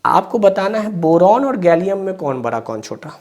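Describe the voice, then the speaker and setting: A man's voice: high-pitched, big pitch swings, normal speed, darkish tone. A man teaching a chemistry lesson, explaining patiently, repeating key points and calling his students beta. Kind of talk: classroom lecture.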